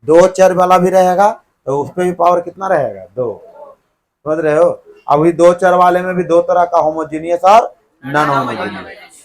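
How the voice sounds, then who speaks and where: Male teacher, slightly high voice, call-and-response classroom style. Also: moderate pace, low-quality recording. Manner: keeps quizzing the class, then answering himself. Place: classroom with students.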